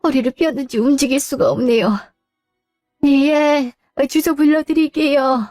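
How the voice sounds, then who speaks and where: A woman's voice: high voice, fairly even intonation, measured pace, darkish tone, no echo, clean studio sound, faint music behind. A woman voicing a retired mother in her sixties, sighing and muttering complaints to herself in a radio drama. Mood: fretful. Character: retired older mother, hurt and proud.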